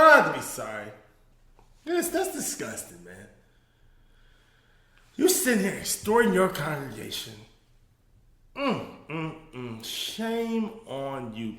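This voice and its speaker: A man's voice: on the high side, echoey room. A man hosting a casual comedic commentary show, laughing often as he mocks what he talks about. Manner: laughing, animated, mocking. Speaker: podcast host.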